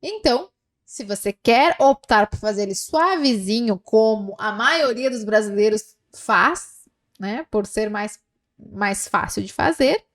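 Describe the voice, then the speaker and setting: A woman teaching Spanish pronunciation, slow and patient, repeating words for learners to echo. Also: mid-range voice, animated. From South America. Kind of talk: language lesson with pronunciation drills.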